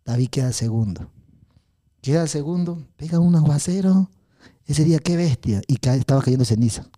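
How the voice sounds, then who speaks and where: A man with an Ecuadorian Spanish accent, a coach telling a story in an interview, acting out the dialogue. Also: fairly high pitch. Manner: acts out dialogue, laughs often, quick and lively. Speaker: athletics coach.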